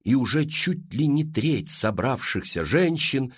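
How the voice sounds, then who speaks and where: A man narrating a storybook aloud in a lively, expressive way. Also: medium pitch, measured pace, breathy edge, dry recording, clean studio sound.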